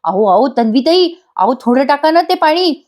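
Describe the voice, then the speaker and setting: A woman's voice: high voice, big pitch swings, normal speed, a little mellow, pitched above the performer's own voice. Fussing household maid, read by a woman. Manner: fussing, exclaiming.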